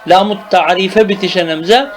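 A man teaching Arabic grammar in a traditional madrasa style, drilling terms slowly and stopping to check that the student follows. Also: sits high, faint music behind.

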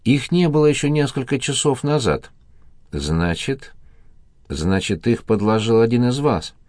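A man's voice: medium pitch, animated, measured pace, dry recording, studio quality, voice pushed up, close to an everyday voice. A man voicing a cornered young woman who speaks sharply and defensively. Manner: sharp, alarmed.

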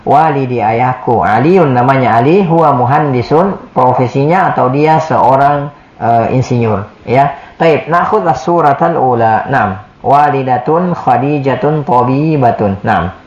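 A man's voice: mid-range voice, unhurried, darkish tone. A man teaching Arabic in a classroom lesson, explaining patiently, repeating words and often checking with "ya". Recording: echoey, dull lo-fi room recording.

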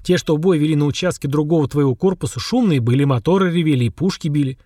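A man's voice: a little high, fast, dark tone, no room sound, clean studio sound, lightly acted. A man voicing a stern commanding general. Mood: questioning. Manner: curt, authoritative. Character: stern, commanding older male army general.

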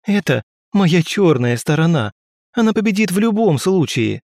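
A man's voice: high voice, big pitch swings, moderate pace, darkish tone, dry recording, voice pushed up. A male narrator voices a nervous young grand duke, earnest and pleading, his voice lifted above the narration. It is close and dry, with no room sound. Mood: desperate.

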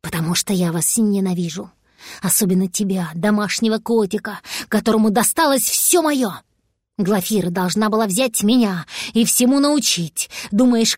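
A woman's voice: mid-range voice, no echo, clean studio sound, close to an everyday voice. A woman voicing the bitter, spiteful evil double of a male cat in a storybook. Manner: spiteful, coaxing.

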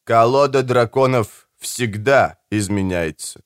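A man voicing a muscular male customer at a market stall, terse and gruff, speaking low and curt. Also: takes it slowly, dry recording, studio quality, close to an everyday voice. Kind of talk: audiobook character voice.

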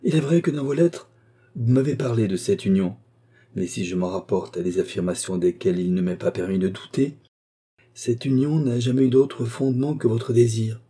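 A man's voice: medium pitch, normal speed, dark tone, husky, close to an everyday voice. A man voicing a frail weary old marquis. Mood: stern. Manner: weary, curt. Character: frail aging male marquis, weary, stern.

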